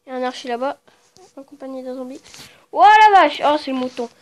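A woman's voice: high-pitched, animated, fast. A woman giving casual commentary on her game, muttering to herself and the creatures, then breaking into startled yelps and swearing. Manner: chatty with viewers, talks to the game creatures. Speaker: let's play gamer.

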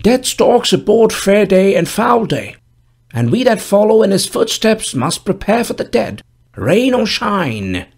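A stern gravedigger of about fifty with a dry, grim wit, as a male reader puts him on. His husky voice is pitched noticeably higher than the reader's own, with a slow, weighty, ominous delivery. He sounds like a storybook sexton with a taste for dark tales. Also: sing-song, exaggerated voice. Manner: grave, solemn, measured. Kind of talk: audiobook character voice.

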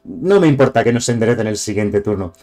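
A man's voice: on the low side, expressive, fast, dark tone. Chatty Castilian Spanish man streaming. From Spain. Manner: chatty, digressive, greets viewers. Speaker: streamer reviewing card game cards. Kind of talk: casual live-stream commentary.

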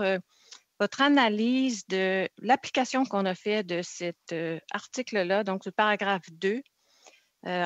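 Woman, senator, deliberate winding questions, dry dull sound, video call. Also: mid-range voice, no room sound. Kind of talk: questioning at a formal hearing.

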